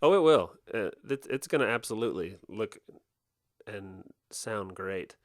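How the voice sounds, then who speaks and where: A young man riffs through a casual podcast commentary, tossing out quick deadpan jokes. His voice is lively, leaping high and dropping low as he talks. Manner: joking, animated, quick deadpan gags. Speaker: podcast co-host. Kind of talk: casual commentary over festival video.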